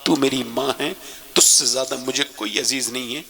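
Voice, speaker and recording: A man's voice: mid-range voice, steady tone, bright, forceful tone. A man voicing a dying young sinner who pleads tearfully for forgiveness, within a sermon. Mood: pleading. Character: dying young male sinner, weeping and repentant.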